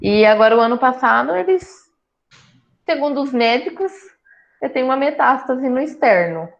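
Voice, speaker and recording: A woman telling her own cancer story in a casual talk, lively and joking as she acts out what people said. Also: sits high, moderate pace, creaky. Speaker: breast cancer patient sharing her story. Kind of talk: casual conversation. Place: small town in Brazil. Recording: dull lo-fi sound.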